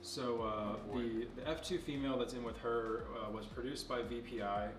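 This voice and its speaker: A man's voice: medium pitch, normal speed, distant mic. Young man touring a reptile room, echoey. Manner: knowledgeable, relaxed, with frequent fillers. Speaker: facility owner giving a tour. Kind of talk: casual walkthrough explaining snakes. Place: indoor reptile room with glass enclosures. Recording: echoey room, off-mic, music behind.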